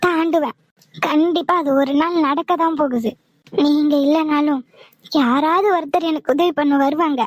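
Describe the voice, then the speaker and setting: A defiant young cartoon bride-to-be played by a woman, pleading and stubborn in a high voice. The sound is close and dry. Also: normal speed, no room sound, soft background music, natural voice. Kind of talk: cartoon voice acting.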